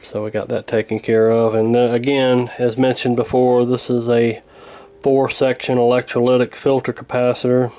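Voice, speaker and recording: A radio repair hobbyist presents a hands-on fix, talking casually and hesitantly in a folksy, unscripted way. His medium-pitched voice is warm and clean, delivered flatly at normal speed with few pauses.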